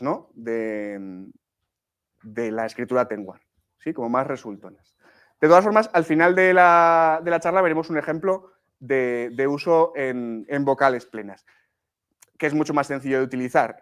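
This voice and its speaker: A man from leading a live writing workshop, explaining step by step, with many restarts and frequent "¿sí?" and "¿vale?" checks to the class. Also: on the high side. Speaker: workshop teacher.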